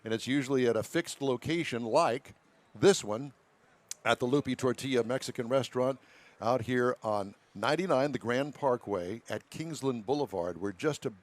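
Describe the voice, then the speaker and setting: A man's voice: mid-range voice, moderate pace. A folksy, jokey man hosting a live radio show with casual, rambling chat. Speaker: radio car show host. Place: live remote broadcast at a car show. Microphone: broadcast headset.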